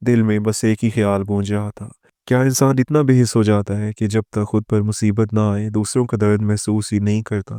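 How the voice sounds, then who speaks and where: Guy narrating a story, low dark voice, dry close sound. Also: little pitch movement, clean tone, dry recording.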